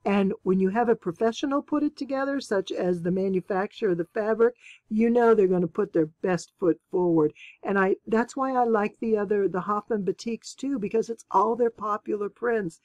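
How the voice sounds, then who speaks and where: A woman's voice: medium pitch, normal speed, darkish tone, dry recording, lo-fi sound. A woman hosting her quilting channel, chatting enthusiastically and exclaiming with delight as she unboxes and shows fabrics. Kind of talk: casual unboxing chat.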